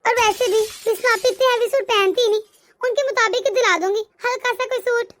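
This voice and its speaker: A woman's voice: very high-pitched, brisk, fairly bright tone, no echo, clean studio sound. A woman voicing a rich sister-in-law who is cold to her poorer relatives, speaking sweetly but condescendingly. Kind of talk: cartoon voice acting.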